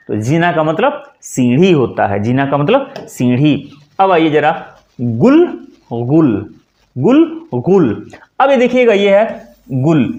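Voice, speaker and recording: Man, animated language teacher, repeats and stretches words, recorded in an echoey room with dull audio. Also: a little high. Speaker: Hindi teacher. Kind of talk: online language lesson.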